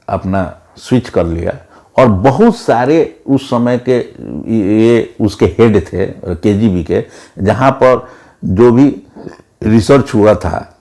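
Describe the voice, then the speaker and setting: A man delivers an opinionated commentary monologue. His voice sits a little low and sounds mellow and warm. He lectures emphatically, often repeating words to drive his point home. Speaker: political commentator.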